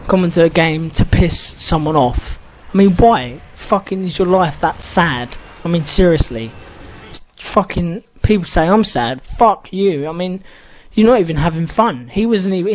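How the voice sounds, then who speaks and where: A man's voice: sits high, darkish tone. Swearing man ranting about a game. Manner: heated, swears a lot, rambling with frequent restarts. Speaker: gaming channel host. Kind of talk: casual ranting monologue.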